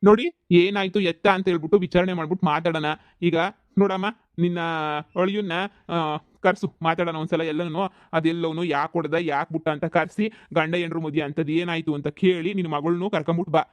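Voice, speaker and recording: A man's voice: fairly high pitch, fairly even intonation, brisk, no room sound, lightly acted. A man voicing a stern, reproachful village headman in a cartoon comedy. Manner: reproachful, questioning.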